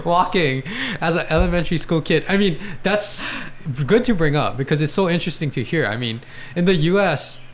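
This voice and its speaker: A man in his thirties, an athletic trainer hosting a podcast, chats in a casual interview from a small home studio indoors, using a podcast mic on a desk stand. He's upbeat and eager, fairly quick and on the high side in pitch, with plenty of fillers like "you know" and "right".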